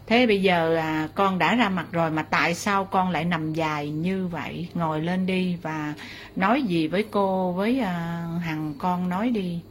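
A woman's voice: on the low side, normal speed, a little hiss or hum. A woman acting as a spirit medium, talking in a rambling way full of fillers and exclamations. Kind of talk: spiritual session talk.

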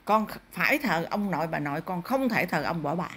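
A woman's voice: fairly low pitch, expressive, fairly quick, a bit bright, slight background noise. A middle-aged woman, a spirit medium, lecturing a client firmly. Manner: firm, lecturing. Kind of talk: counselling a client in a spirit ritual.

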